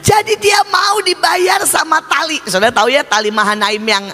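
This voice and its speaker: A man's voice: very high voice, normal speed, sharp tone. A male preacher giving an emphatic sermon testimony, telling his story and constantly addressing the congregation. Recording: reverberant hall with music behind.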